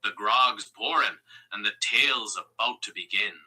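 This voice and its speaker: A man's voice: fairly low pitch, moderate pace, sharp tone, slightly rough, heavily acted, rough recording. An AI voice of a man playing a swaggering, theatrical pirate captain who talks in hearty pirate slang. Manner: pirate slang, playful grandiose delivery. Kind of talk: AI voice role-play.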